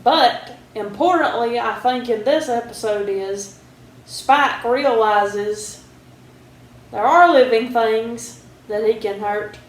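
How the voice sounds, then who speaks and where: A woman's voice: fairly high pitch, slow. A woman co-hosting a podcast, chatting casually and wryly while going through her notes. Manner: relaxed, wry, reads out her own notes. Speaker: podcast co-host. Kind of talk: casual chat. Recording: roomy echo, faint background hiss.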